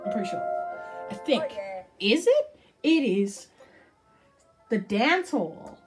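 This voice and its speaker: A woman giving casual let's-play commentary, excitable, swearing and shouting at the game, cooing baby talk to an in-game pet. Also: on the high side, slow, faint music behind, low-quality recording. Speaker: gameplay streamer.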